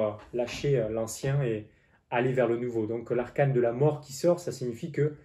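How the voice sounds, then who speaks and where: Mellow-voiced man with a slight lisp. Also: medium pitch. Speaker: tarot card reader. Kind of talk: informal spoken tarot forecast addressed to the viewer.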